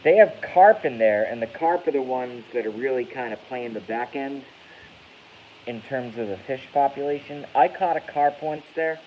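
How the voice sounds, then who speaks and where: On a live stream, a Massachusetts YouTuber in his thirties delivers a rambling, profane rant at a moderate pace and medium pitch, often catching and correcting himself along the way. The sound is dull and lo-fi, with a faint hiss.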